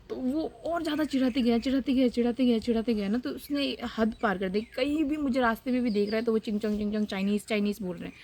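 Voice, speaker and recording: A woman's voice: on the high side, dark tone, a little hiss or hum. A young woman from Northeast India with a Northeast Indian Hindi accent, telling a personal story in a vlog, heated and repeating words for emphasis. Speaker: vlogger.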